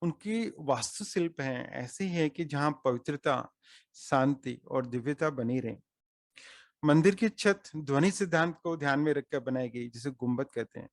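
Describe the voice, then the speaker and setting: Earnest Indian man with a gravelly voice. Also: on the high side, expressive, measured pace, dry recording. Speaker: speaker at a study circle meeting. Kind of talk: explanatory talk on Indian customs.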